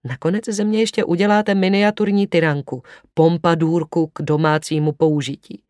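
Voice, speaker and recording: A man's voice: a little high, fairly even intonation, darkish tone, no room sound, studio quality, close to an everyday voice. A man voicing a proud, imperious young woman in an audiobook, speaking sharply and commandingly. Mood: teasing. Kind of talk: audiobook reading.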